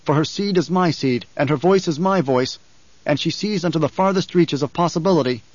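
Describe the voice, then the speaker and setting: A male narrator voices a solemn prophet-leader making a grave proclamation. His delivery is archaic and ceremonial, raised a touch in pitch. The recording is dry and slightly dull. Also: a little fast, dry recording, natural voice.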